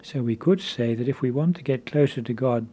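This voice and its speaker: Husky, earnest male preacher. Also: medium pitch, a little fast, mellow. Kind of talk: spiritual conference talk.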